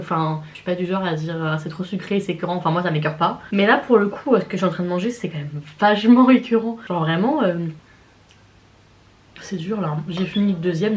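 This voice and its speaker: A woman's voice: on the low side, darkish tone, a little hiss or hum. A French woman in her twenties chatting casually in a vlog while eating, often with her mouth full. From France, Paris region. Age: 20s. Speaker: vlogger. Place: home in London.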